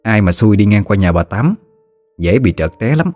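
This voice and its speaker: Low-voiced man telling a folksy story. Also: normal speed. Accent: Southern Vietnamese. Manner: lively, slangy, teasing. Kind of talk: colloquial story narration. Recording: faint music behind.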